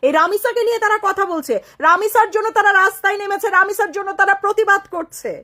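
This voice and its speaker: A woman's voice: very high voice, steady tone, fast talker, pushed and bright. A woman delivering impassioned online political commentary, accusing and firing rhetorical questions at her audience.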